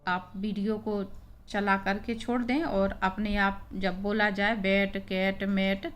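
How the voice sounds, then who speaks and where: Woman teaching phonics really slowly, spells each word then says it. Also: mid-range voice, little pitch movement. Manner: spells out words letter by letter, then pronounces them; patient, stresses the correct pronunciation. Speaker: English teacher. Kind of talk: slow phonics reading lesson.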